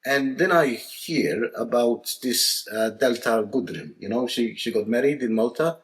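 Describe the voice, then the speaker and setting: A man co-hosting a family travel vlog, telling stories and jokes in a playful, deadpan way. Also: medium pitch, measured pace. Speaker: co-host, joke teller. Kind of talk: casual chat and joke telling.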